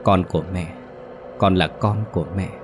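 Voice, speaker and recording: Give me a possessed mistress of the house who swings between shrill hostile yelling and eerie crooning to a child, as a man puts her on in a read-aloud ghost story. Her voice sits low for a woman, with faint music running underneath. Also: fairly even intonation, moderate pace, lightly acted.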